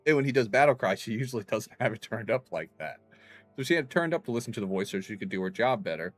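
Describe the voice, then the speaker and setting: A man with a lowish voice chats through his gameplay stream and tells stories with easy laughter. Faint game music plays behind him. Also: expressive, fast talker. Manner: chatty storytelling, laughs often. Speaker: livestreamer. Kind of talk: casual gameplay commentary.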